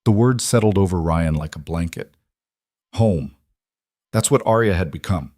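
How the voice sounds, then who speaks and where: A man reads a scripted story in an even, measured way. His voice sits on the low side and the recording is dry and close. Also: no room sound. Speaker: narrator.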